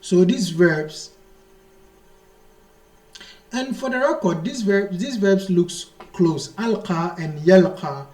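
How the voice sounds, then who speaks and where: A man with a high voice teaches an Arabic grammar lesson in a room with strong echo. He explains slowly and repeats key terms, reading the Arabic text out fast and then translating it into English at an unhurried pace. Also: a little mellow. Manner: slow, repetitive explanation, mixing English with read-out Arabic.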